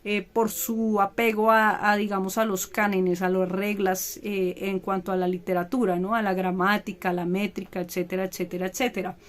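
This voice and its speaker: A woman's voice: medium pitch, flat delivery, normal speed, few pauses. A young woman teacher giving a classroom lecture, explaining patiently and often checking in with her students.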